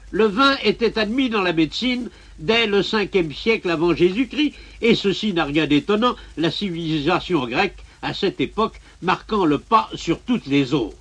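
A man's voice: high-pitched, fairly bright tone. A man giving a formal, lecturing scripted narration in an old radio recording. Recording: dull lo-fi archive radio recording.

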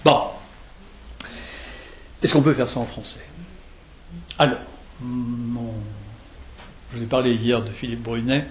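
Halting man lecturing in a roomy hall. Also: medium pitch, steady tone. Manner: digressive, halting, with many restarts and fillers; recites verse in several languages, tapping out rhythm aloud. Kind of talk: university lecture on verse translation. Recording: roomy lecture hall recording, faint noise.

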